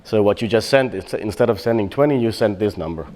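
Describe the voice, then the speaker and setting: A middle-aged software developer from Bosnia talks fast in a lowish voice during a conference presentation about developer tooling. He stays relaxed and explanatory, though fillers and self-corrections crop up often.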